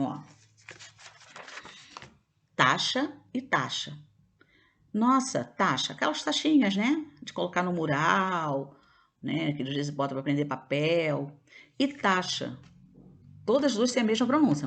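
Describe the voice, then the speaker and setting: A woman's voice: on the low side, very animated, unhurried, gravelly, long pauses, a bit bright. A woman teacher with a Brazilian Portuguese accent, patiently explaining a lesson and checking in with her students. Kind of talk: online classroom lesson.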